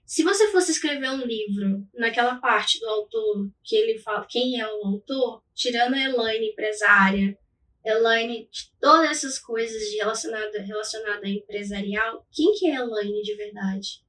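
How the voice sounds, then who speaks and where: A woman hosts a podcast, putting short, friendly questions to her guest and prompting her to go on. Her voice sits on the higher side. She sounds a little distant from the microphone. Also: normal speed, fairly bright tone. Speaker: podcast host. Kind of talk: interview questions.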